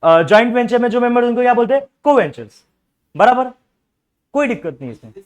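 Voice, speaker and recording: A man's voice: very high voice, big pitch swings, fast talker. A young man teaching a commerce class, repeatedly quizzing students and coaxing them to ask doubts. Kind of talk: classroom lecture.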